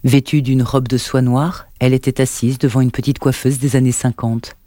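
Warm-voiced male audiobook narrator. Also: mid-range voice, level tone, normal speed, no echo, studio quality.

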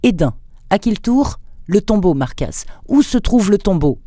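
Guy doing a creepy captor in the dark, cold threats, mellow, dry. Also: high-pitched, very animated, normal speed, no echo, voice pushed up. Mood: menacing. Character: menacing unseen male captor in the dark.

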